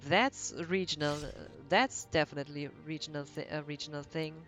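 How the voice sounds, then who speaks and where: A man with a somewhat high voice talks casually while playing a video game. His English is hesitant, full of restarts and filler as he searches for words. Soft game music plays faintly in the background. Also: fairly even intonation, fairly quick. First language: German. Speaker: let's play streamer. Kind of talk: casual chat while gaming.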